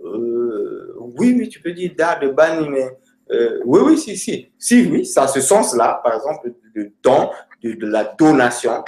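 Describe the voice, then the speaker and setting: A man explains grammar to a student at an unhurried pace, pausing and hesitating often as he searches for words. His voice sits at a middle pitch and rings out in an echoey room. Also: sing-song, a little mellow. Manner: slow, hesitant, many fillers. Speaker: Romanian language teacher.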